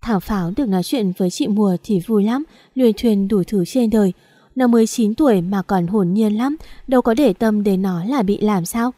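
A woman narrating a story for an audiobook in a steady, even storytelling manner, close to the mic. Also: medium pitch, moderate pace, dry recording. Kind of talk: scripted narration.

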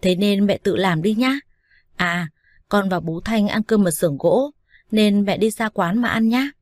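A woman voicing a defiant young daughter-in-law who talks back calmly and teasingly. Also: mid-range voice, measured pace, no echo, studio quality, close to an everyday voice. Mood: mocking calm. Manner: calm, teasing, lightly mocking.

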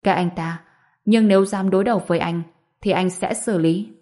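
A woman reading a calm, powerful young male hero in an audiobook, cool and unbothered. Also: mid-range voice, normal speed, natural voice. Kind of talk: audiobook narration.

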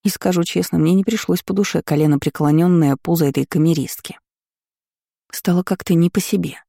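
Audiobook narrator, steady measured reading, mellow dark tone, light fry, dry close sound. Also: medium pitch, dry recording.

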